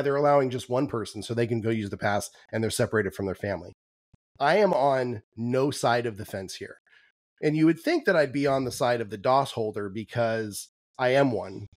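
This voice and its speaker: Low-voiced man in casual podcast chat. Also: dry recording. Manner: conversational, frequent ums and restarts. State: losing his voice. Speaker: podcast co-host.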